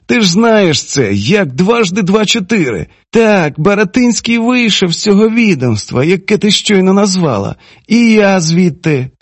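Stern commanding older woman played by a man, lecturing, lively pitch, dry sound. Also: measured pace, few pauses, no room sound, exaggerated voice. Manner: forceful, lecturing.

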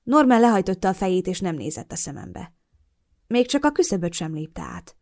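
A woman narrating a first-person audiobook with an expressive storytelling delivery. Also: on the low side.

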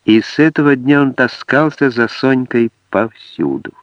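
A man reading an audiobook in a measured storytelling manner. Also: medium pitch, no room sound. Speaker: audiobook narrator. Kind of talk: scripted narration. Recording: dry, dull lo-fi audiobook.

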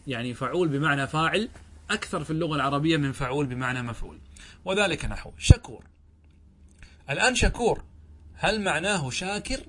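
A man's voice: fairly high pitch, a bit bright, breathy edge. A man teaching Arabic grammar in a lesson, reading the text aloud and then explaining it step by step, asking questions and answering them himself. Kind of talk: classroom lesson with questions to students.

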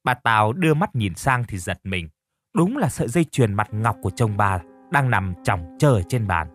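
A man narrating a horror story in a dramatic, expressive storytelling manner. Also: lowish voice, moderate pace, no echo, faint music behind.

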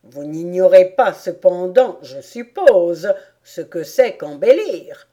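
A woman voicing a bossy male griffin in a storybook reading, loud and scolding. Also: lowish voice, very animated, takes it slowly, highs cut off.

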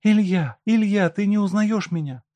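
A man's voice: high-pitched, normal speed, mellow, dry recording, voice pushed up, close to an everyday voice. A man reading aloud and voicing a desperate, tearful wife who pleads with a doctor for her husband. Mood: anguished. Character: desperate grieving wife, middle-aged woman.

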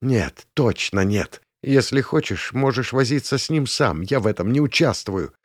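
A man's voice: medium pitch, animated, normal speed, no room sound, studio quality, lightly acted. A man voicing a stubborn, defiant young woman who speaks sharply and insistently in a storybook reading.

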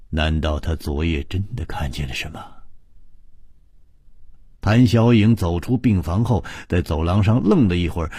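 A male storyteller narrating a suspenseful radio serial story in a measured, dramatic way, on a close studio mic. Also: a bass voice, dark tone, slightly rough, dry recording.

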